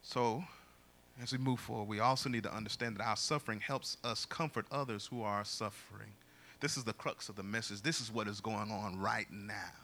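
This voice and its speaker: Male pastor preaching, bright voice, gets loud and slow on scripture. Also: steady tone. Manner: booming, drawn-out when reading scripture, dropping low for asides. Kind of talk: sermon.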